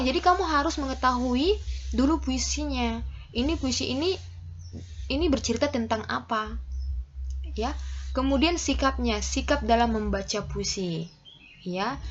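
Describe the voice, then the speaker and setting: A woman's voice: a little high, dull audio, a little hiss or hum. A woman teacher giving a class lesson, explaining step by step with frequent "oke" and "ya" check-ins.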